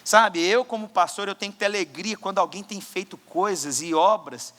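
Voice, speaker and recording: A man preaching a sermon as pastor, swinging between loud exhortation and quiet asides. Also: sits high, moderate pace. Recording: church hall with long reverb.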